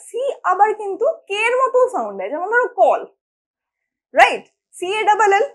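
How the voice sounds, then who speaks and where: A woman teaching a spoken English lesson, explaining patiently and often checking that her learners follow. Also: very high-pitched.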